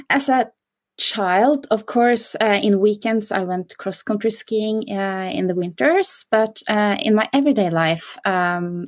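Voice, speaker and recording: A Norwegian woman in her forties, speaking with a Norwegian accent at medium pitch, answers interview questions as a guest, with many pauses, fillers and restarts.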